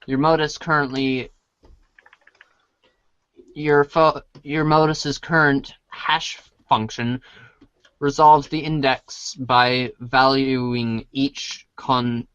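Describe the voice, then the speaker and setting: A man with a mid-range, steady, fairly bright and clean voice draws out his words as he narrates a comic like a read-along storybook. He is informal and stumbles while reading, and the recording is dry, dull and band-limited.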